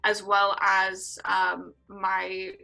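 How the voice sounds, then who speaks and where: Earnestly answering an interviewer with plenty of filler words, this twenty-something EMT from San Diego, California, speaks at a medium pitch in a monotone, drawing out her words with vocal fry. Her tone is bright and forceful. Faint music plays behind her on a low-quality recording.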